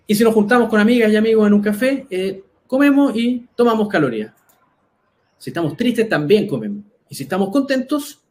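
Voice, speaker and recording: A man's voice: high voice, a little mellow. A Chilean man, a health coach, gives an online talk in a conversational way and often checks in with his audience. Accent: Chilean Spanish. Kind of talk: webinar presentation. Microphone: computer mic on a live video talk.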